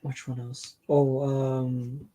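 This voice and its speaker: A man's voice: medium pitch, level tone, extremely slow, warm tone. A man co-hosting a football watchalong, telling long rambling stories with lots of fillers and restarts. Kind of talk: casual chat.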